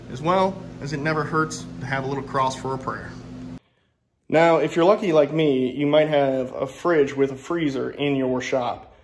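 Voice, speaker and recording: Man, 30s, slightly high voice, folksy how-to talk, roomy workshop sound. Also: background noise. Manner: folksy, practical, joking asides. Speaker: woodworking channel host. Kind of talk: casual how-to demonstration. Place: home woodworking shop, indoors. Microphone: camera-mounted, filmed at arm's length and from a tripod. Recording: echoey shop room.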